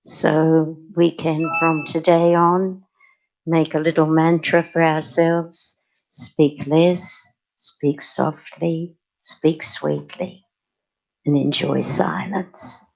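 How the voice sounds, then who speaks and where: Slow, low-voiced calm woman. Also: creaky, low-quality recording. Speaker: meditation teacher. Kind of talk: gentle spiritual talk.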